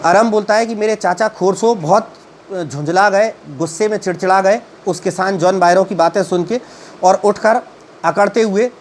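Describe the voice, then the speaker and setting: A man whose voice sits high reads English story lines slowly, then explains and retells them in a halting way with frequent fillers. Slight background noise is present.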